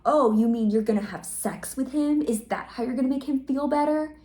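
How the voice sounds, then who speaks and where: A woman's voice: high-pitched, a little fast, warm tone, voice pushed up, natural voice. A woman voicing a snippy teenage goth girl in a snarky, accusing tone. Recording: roomy echo.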